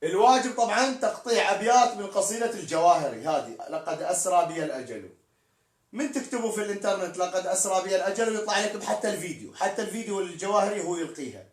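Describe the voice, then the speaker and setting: A poetry teacher explains poetic meter in a live-streamed lesson, spelling words out letter by letter. His voice is high, expressive and racing, picked up by a distant mic in an echoey room.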